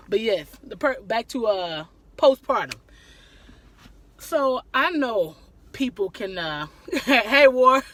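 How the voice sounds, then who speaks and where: Lady doing a casual live stream, laughs a lot, shouts out viewers as she goes. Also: fairly high pitch, sing-song, takes it slowly, pauses often, a little hiss or hum. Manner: laughs often, greets viewers by name mid-talk.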